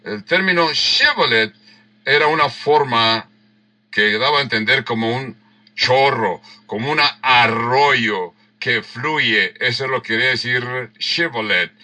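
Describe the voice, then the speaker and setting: A male pastor with a very bright, forceful voice, teaching scripture at an unhurried pace. He works through the passage line by line, repeating key words to make the sounds clear. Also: medium pitch. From Mexico. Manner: unhurried, rereads verses and acts out the quoted lines; explains word sounds with emphatic repeats. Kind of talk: sermon teaching verse by verse.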